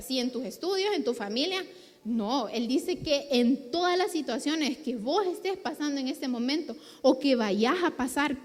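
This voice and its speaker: A young woman preaching a youth sermon, talking conversationally with personal stories and frequent restarts. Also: sits high. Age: young adult. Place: church hall. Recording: reverberant hall.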